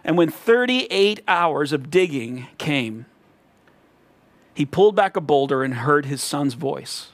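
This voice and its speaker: Earnest high-voiced man telling a faith story. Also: lively intonation, takes it slowly, dry recording. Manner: earnest storytelling with rising emphatic peaks. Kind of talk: reflective devotional talk.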